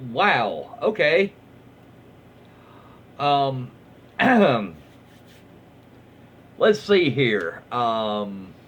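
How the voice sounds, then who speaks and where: Faint background noise and a muffled, lo-fi quality frame a male host reading stories in a casual, folksy style. He has a Southern US accent and a slightly high voice that's husky and a bit bright.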